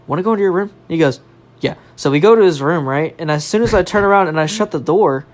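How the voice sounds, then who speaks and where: A young adult on a podcast telling a ghost story in casual chat, animated, swearing freely and laughing along. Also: mid-range voice, brisk.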